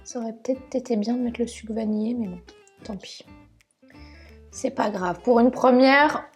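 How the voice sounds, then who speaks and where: A woman with a somewhat high voice and a put-on southern French accent talks her way through a live cooking session in her kitchen. She chats easily, thinks aloud and pokes fun at herself. Faint music plays in the background. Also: normal speed, a little mellow. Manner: chatty, thinks aloud while cooking, self-mocking. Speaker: cooking channel host. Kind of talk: live cooking stream chat.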